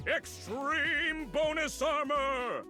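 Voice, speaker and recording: High-pitched, showy loot salesman. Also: very slow, over music, heavily acted. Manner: salesy, showy announcer delivery. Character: cheerful armored loot-box salesman, slick warrior merchant. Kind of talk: video game character voice acting.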